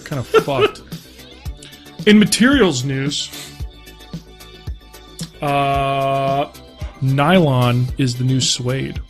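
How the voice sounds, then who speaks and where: A man's voice: medium pitch, very slow, pauses often, faint music behind. A man co-hosting a podcast in casual, profane banter, joking and laughing often. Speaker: podcast co-host.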